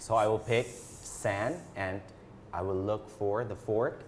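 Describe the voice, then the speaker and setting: A male English teacher leading young children through a lesson in a classroom, speaking in slow, repetitive prompts. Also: fairly low pitch, fairly even intonation, slight background noise. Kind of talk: classroom instruction. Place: school classroom.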